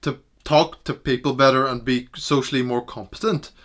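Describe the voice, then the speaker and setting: A man's voice: medium pitch, steady tone, moderate pace, fairly bright tone. A young man talking earnestly to camera in a reflective self-improvement vlog.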